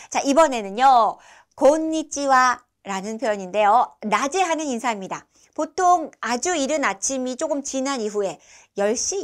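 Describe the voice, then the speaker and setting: A woman teaching an online language lesson with a slightly high, clear voice. She models each phrase slowly and distinctly and leaves room for learners to repeat. Her manner is encouraging, and she praises them along the way.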